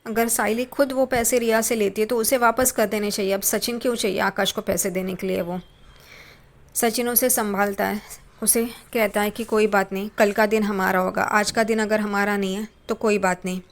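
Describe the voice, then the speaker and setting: A woman narrating a TV serial episode recap in steady, plain storytelling that reads out the characters' lines. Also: mid-range voice, moderate pace.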